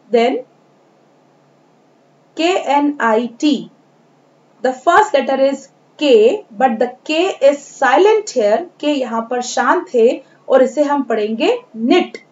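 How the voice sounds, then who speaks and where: A woman with an Indian accent teaches children how to pronounce English words, spelling each one out and saying it over and over. Her voice sits high and her pace is deliberately slow. The recording is dull and lo-fi. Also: darkish tone. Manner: slow, spells words letter by letter and repeats them. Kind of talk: classroom lesson on pronunciation.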